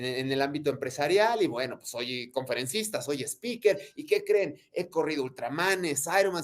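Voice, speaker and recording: A Mexican man in his thirties, a guest in an interview, talking in a reflective, joking way. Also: a little high. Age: 30s. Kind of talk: casual interview.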